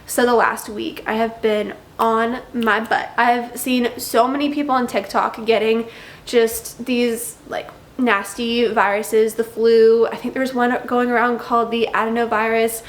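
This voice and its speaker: A young lifestyle vlogger chats bubbly to the camera, drawing out words for emphasis, her voice still a little nasal from congestion. It sits a little high with little pitch movement, and the room is reverberant.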